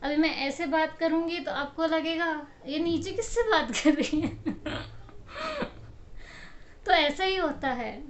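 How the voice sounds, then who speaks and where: A woman giving a casual motivational talk straight to camera, telling everyday stories and acting out what people say, often laughing. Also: high voice. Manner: animated storytelling, acts out quotes, laughs often. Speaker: motivational speaker. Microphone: camera mic.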